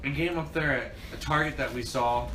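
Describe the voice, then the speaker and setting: Excitable joking man in an echoey room. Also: mid-range voice, slight background noise. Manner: excitable, jokey, quick to laugh. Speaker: podcast guest. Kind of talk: casual chat among friends.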